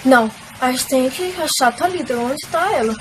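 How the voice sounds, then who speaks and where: A woman's voice: high-pitched, lively intonation, moderate pace, noisy background. A young woman, emotionally telling viewers a personal faith testimony in a casual, filler-filled way. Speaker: vlogger.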